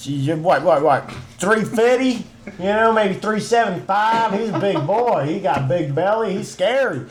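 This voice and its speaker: Man, high-pitched, put-on Southern twang, ranting podcast host, folksy slang, emphatic repetition. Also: lively intonation, unhurried. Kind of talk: casual opinionated chat.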